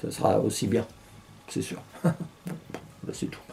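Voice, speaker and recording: A man's voice: a little slow, dark tone, slight background noise. A middle-aged man hosting a casual satirical news show, rambling and irreverent, with many hesitations and chuckles. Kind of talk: casual mock newscast.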